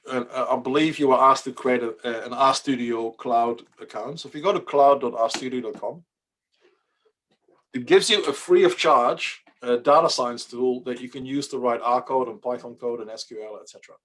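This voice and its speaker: A man whose first language is Dutch presents an online coding workshop over a computer mic on a video call. His medium-pitched voice is a bit bright at a normal speed, and he talks casually with many fillers and restarts.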